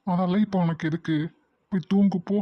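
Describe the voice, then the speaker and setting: Cartoon drama: a woman playing a guilt-ridden young man, low and flat, curt weary lines, dry dull sound. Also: fairly quick, no room sound, close to an everyday voice. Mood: weary, brooding. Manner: subdued, weary, curt replies. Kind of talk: animated drama voice acting.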